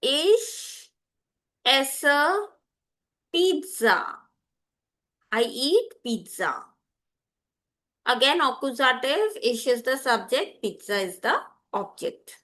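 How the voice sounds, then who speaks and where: A woman teaching vocabulary, repeating each word slowly and clearly for learners. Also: a little high, big pitch swings, a bit bright. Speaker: language teacher. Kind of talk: slow, deliberate vocabulary lesson.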